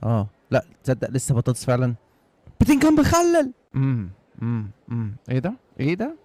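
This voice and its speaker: A man's voice: mid-range voice, lively intonation, fast, dark tone, no room sound. A man with an Egyptian Arabic accent giving jokey, playful commentary for a food vlog, slipping into mock-formal asides. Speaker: vlogger.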